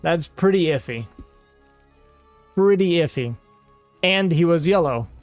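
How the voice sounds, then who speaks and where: A game streamer chats casually with his viewers at a measured pace, his voice on the high side with lively intonation. He rambles, sounds exasperated and says "like" constantly. Soft music plays behind, and there's no room sound.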